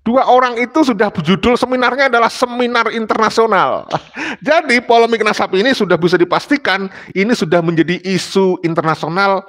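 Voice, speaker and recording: A man's voice: sits high, a little fast, a bit bright. A man from Indonesia speaking emphatically in a panel discussion, lecturing and repeating his points. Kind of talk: discussion talk.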